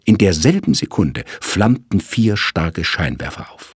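A man reads a crime story aloud in a lively storytelling manner. His voice is low and very husky, and his pitch moves a lot. The sound is dry and close. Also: a little slow, no room sound. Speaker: narrator. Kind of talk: audiobook narration of a crime story.

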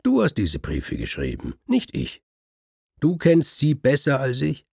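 A man voicing a harsh, defiant working man in a spoken story, talking in a forceful, insistent way. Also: mid-range voice, wildly swooping pitch, a little slow, gravelly, breathy edge, dry recording, clean studio sound, voice pushed up, full character voice.

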